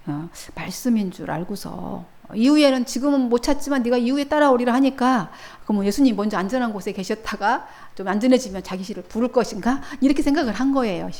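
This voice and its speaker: A woman's voice: fairly high pitch, a little mellow. A woman pastor preaching a sermon in a church, telling the story vividly with casual asides to the congregation.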